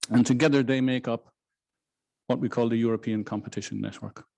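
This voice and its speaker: A man lecturing on law to a hybrid audience, speaking in a measured way with frequent restarts and fillers. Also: mid-range voice, steady tone, creaky, mellow. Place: lecture room in Brussels, hybrid with online audience.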